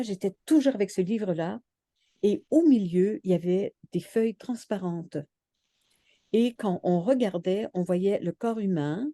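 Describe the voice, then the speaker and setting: A woman in her seventies telling memories from her childhood in a relaxed, reflective way, with frequent hesitations. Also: medium pitch, no room sound, studio quality. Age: 70s. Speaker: interviewee. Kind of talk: casual storytelling.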